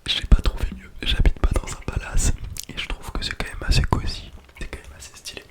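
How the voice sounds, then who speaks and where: A man whispers a casual ASMR chat very close to the mic, hushed as if quiet at night, with soft breath and lingering repeated words. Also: a little fast. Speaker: ASMR content creator. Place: small home toilet room, indoors. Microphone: close sensitive microphone without windscreen.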